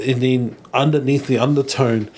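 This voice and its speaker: Open New podcast host. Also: male voice, mid-range voice, fairly even intonation, normal speed, a little mellow, a little hiss or hum. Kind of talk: casual interview chat.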